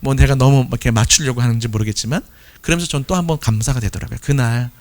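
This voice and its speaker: A man's voice: mid-range voice, fast, a little mellow. A man, a pastor, giving a sermon testimony and telling a story with acted quotes.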